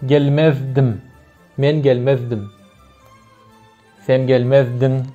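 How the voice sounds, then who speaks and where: A man's voice: mid-range voice, level tone, takes it slowly, warm tone, dull audio, soft background music. A man with a Turkmen accent and Turkmen as his first language, teaching a casual video lesson, hesitant, with many fillers and self-corrections.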